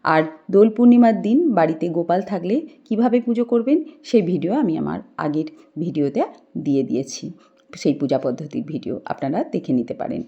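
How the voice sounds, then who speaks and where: A woman hosting a home puja video, calmly explaining each ritual step and chanting mantras in a devotional tone. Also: on the low side, moderate pace. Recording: dull lo-fi home recording.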